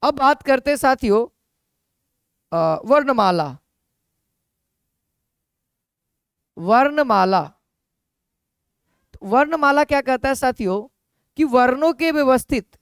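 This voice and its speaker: A man's voice: very high voice, moderate pace, dry recording, clean studio sound. A man teaching an exam-prep lesson, repeating key points and putting questions to his students.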